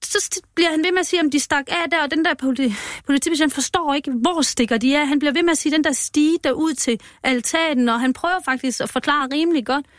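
A woman who is a mother, telling a personal account as a guest in an interview, halting and emotional with many restarts. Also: high voice, no room sound, studio quality. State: moved.

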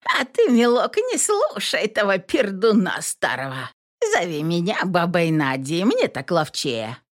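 A woman voicing a loud, quarrelsome old village granny who shouts and scolds in rustic dialect. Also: fairly low pitch, very animated, measured pace. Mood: coaxing.

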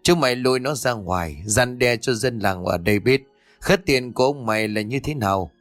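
A man's voice: medium pitch, expressive, normal speed, a bit bright, dry recording, faint music behind, close to an everyday voice. A man reading the part of a cruel, bullying older village tyrant who snarls and barks orders in a storybook ghost tale. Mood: threatening.

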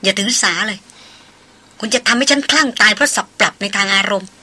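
A woman's voice: medium pitch, fast talker, sharp tone. Woman reading as a passionate young heiress. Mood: impassioned. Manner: emotional, pleading then defiant. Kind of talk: audiobook novel reading.

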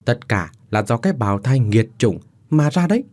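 A man's voice: medium pitch, very animated, moderate pace, darkish tone, natural voice. A man playing a cruel, violent husband who barks threats in an audio story. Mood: cold. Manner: harsh, threatening.

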